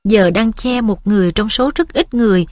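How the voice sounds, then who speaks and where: A woman narrating a storybook as an audiobook reader, in a steady, expressive storytelling manner. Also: medium pitch, fairly quick, dry recording, studio quality. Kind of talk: storybook reading.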